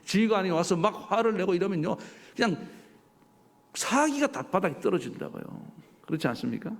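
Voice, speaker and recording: A male pastor delivering a sermon, animated and full of rhetorical questions to his congregation. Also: high voice, brisk, vocal fry. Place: church sanctuary. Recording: church hall reverb.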